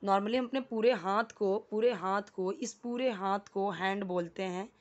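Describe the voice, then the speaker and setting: A woman's voice: medium pitch, fairly even intonation, a little slow, highs cut off. A woman teaching a casual lesson, patiently explaining and repeating words, often checking in with the listener. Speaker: English teacher.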